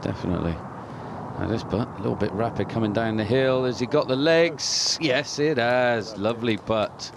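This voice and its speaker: A man's voice: medium pitch, moderate pace, vocal fry, background noise. A man working as a golf commentator, giving casual live commentary in chatty, colloquial phrases full of exclamations.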